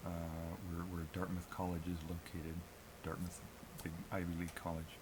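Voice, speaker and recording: An amateur live streamer from New England, a low-voiced American man, chats unscripted on a solo livestream. He is hesitant, halting and self-critical, feeling his way through each thought with a completely flat delivery. Clear background noise runs through the audio.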